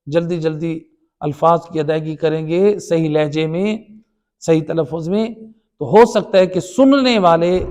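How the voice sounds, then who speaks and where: A man's voice: high voice, darkish tone. A man with a Pakistani Urdu accent teaching the Quran in a religious lecture, explaining by repeating points and asking rhetorical questions. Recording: long hall reverb.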